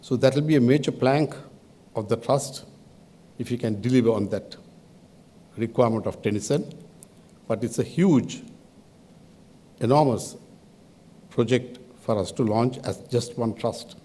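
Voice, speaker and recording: An older man with a Sri Lankan accent delivers a formal podium speech as a chairman, in measured, halting phrases with deliberate pauses. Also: medium pitch, warm tone. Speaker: advisory committee chairman giving a welcome address.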